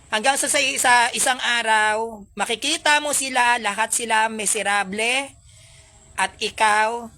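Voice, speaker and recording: A woman with a bright, fairly high voice gives an animated, sermon-like talk to her online followers. She lectures and mocks by turns, slipping English phrases into her speech. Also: measured pace, a little hiss or hum. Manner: animated, preachy, mocking asides. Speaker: online content creator. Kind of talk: casual livestream monologue.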